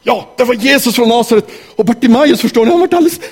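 A man telling a Bible story to children in character, animated and asking them questions. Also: very high-pitched, husky. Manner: animated, asks the audience questions. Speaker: children's talk leader.

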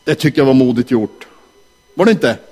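A man telling a Bible story to children in character, animated and asking them questions. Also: medium pitch, husky. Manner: animated, asks the audience questions. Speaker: children's talk leader.

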